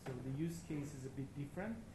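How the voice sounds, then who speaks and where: Israeli founder, mid-age, hesitant and filler-heavy; handheld mic in a large noisy open-plan room. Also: male voice, mid-range voice, expressive. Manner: halting, many fillers, non-native phrasing. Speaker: startup founder presenting. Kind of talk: meetup talk. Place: large open-plan office event space. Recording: echoey room with background noise.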